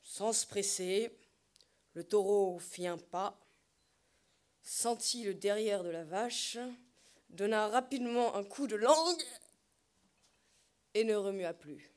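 A woman narrating a novel as an audiobook, measured and dropping soft at the ends of phrases. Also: mid-range voice.

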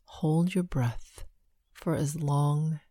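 A woman leading a guided meditation, counting breaths slowly with long pauses between short phrases. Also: low voice, warm tone, no echo, studio quality.

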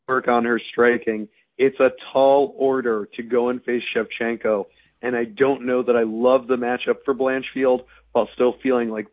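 A man with a hoarse, raspy, nearly lost voice, co-hosting a casual sports analysis show. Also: mid-range voice. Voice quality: raspy, strained voice. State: hoarse, losing his voice. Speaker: sports podcast co-host. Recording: tinny radio-like narrowband line.

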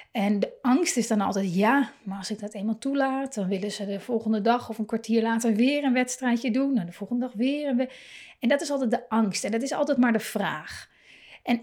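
Chatty woman with a higher voice. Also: a little mellow. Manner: chatty, thinks aloud with many fillers and restarts; laughs often and acts out parent and child lines. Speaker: parenting podcast host. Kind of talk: casual solo podcast talk.

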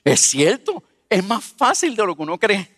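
A pastor with a high-pitched voice delivers a sermon full of personal stories, speaking at a moderate pace. He is animated and funny, often putting questions to the congregation. The studio-quality recording has no room sound yet carries a big-room feel.

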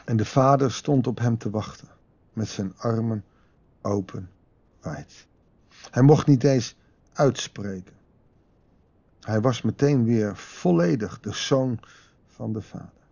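A man giving a daily Bible meditation, calm and reflective, with pauses and rhetorical questions, on a dull lo-fi recording. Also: medium pitch, vocal fry. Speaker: devotional speaker.

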